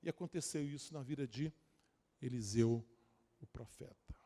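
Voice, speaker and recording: A pastor preaching a sermon with emphatic repetition, swinging between quiet, intimate asides and loud, rising exhortation. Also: male voice, medium pitch, normal speed.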